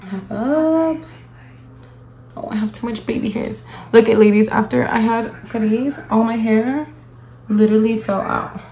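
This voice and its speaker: With a warm, fairly high voice and a slightly slow delivery, a young woman does a get-ready-with-me makeup video indoors at home. The beauty vlogger's chat is casual and playful, aimed at the camera and sometimes at herself, over slight background noise.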